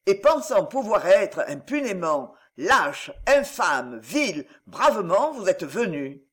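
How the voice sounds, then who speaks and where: Composed commanding nobleman, read by a man; cold and measured, high animated pitch. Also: full character voice. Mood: stern.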